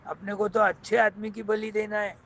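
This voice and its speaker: Worried soldier guy begging, says things twice, highish voice, man putting it on. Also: little pitch movement, normal speed, gravelly, a bit bright, slight background noise, poor audio. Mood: pleading. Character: anxious, pleading male soldier.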